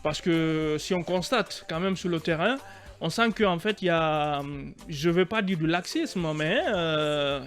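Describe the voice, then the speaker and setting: High-voiced male radio host. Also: unhurried. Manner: lively presenter, many backchannel hums. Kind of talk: radio studio interview.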